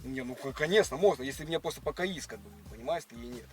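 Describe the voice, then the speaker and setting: A man's voice: mid-range voice, rapid-fire, over music, close to an everyday voice. A man playing a naive, boastful, jealous village bumpkin on a date, with a slushy lisp and slangy, rambling talk. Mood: eager, probing. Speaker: prankster on a fake date. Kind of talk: casual improvised prank chat. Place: inside a car. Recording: steady background noise in a car.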